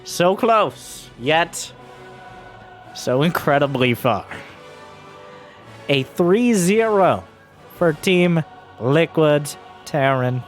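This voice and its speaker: A man's voice: on the high side, expressive, extremely slow, pauses often. A man giving live play-by-play commentary on a video game match, exclaiming animatedly as play turns. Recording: music behind the voice. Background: music.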